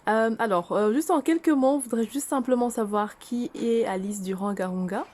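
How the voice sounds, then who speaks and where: A woman interviewing an author, asking halting questions full of fillers. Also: fairly high pitch, darkish tone, slight background noise. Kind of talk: casual interview.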